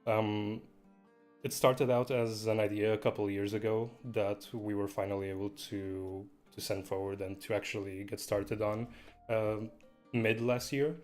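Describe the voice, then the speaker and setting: A man's voice: on the low side, little pitch movement, unhurried, darkish tone. A man speaking casually and earnestly as a guest on a livestream. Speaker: company CEO, stream guest. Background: guitar music.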